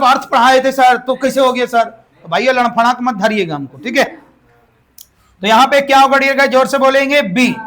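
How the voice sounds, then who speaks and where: A man's voice: extremely high pitch, pushed and bright. A middle-aged man giving a classroom lecture, repeatedly asking his students questions and drawing out words. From India. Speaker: English teacher.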